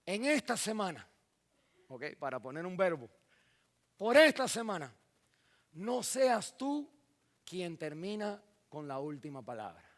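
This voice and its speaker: A man preaching a sermon in a church, acting out scenes with sudden shouts and dropping in English words. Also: high-pitched, very animated, measured pace, pauses often. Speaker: pastor.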